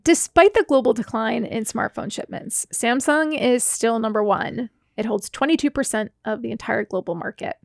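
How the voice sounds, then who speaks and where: A woman hosting a tech podcast, playful and quick to laugh as she leads the chat and reads segment intros. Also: on the high side, vocal fry. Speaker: podcast host.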